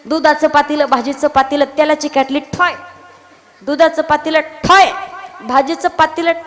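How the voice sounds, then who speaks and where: A woman from Maharashtra, preaching a kirtan sermon and teasing her listeners with acted dialogue and loud outbursts. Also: high-pitched, fairly even intonation, a little fast. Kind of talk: Marathi kirtan sermon with sung verses. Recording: reverberant hall.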